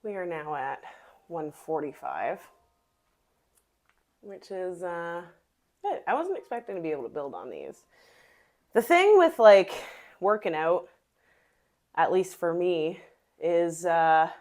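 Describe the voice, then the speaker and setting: A woman's voice: on the low side, big pitch swings, a little slow, pauses often, darkish tone. A young woman chatting playfully and rambling through a casual kitchen vlog. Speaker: vlogger.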